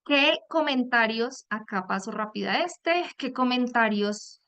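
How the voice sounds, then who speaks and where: A woman's voice: on the high side, lively intonation, a little slow, a bit bright, no echo. Woman psychologist, webinar lesson, acts out example lines, dry close sound. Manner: affectionate, acts out example phrases, calls listeners "mis amores". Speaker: psychologist and coach giving a webinar. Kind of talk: webinar teaching.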